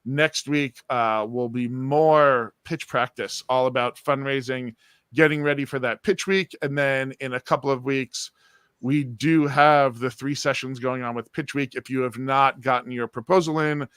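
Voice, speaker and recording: A man's voice: mid-range voice, steady tone, a little slow, a bit bright, clean tone, no room sound, clean studio sound. A man hosting an online accelerator session, upbeat and leaning on frequent filler sounds. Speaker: host. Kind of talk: livestream session host.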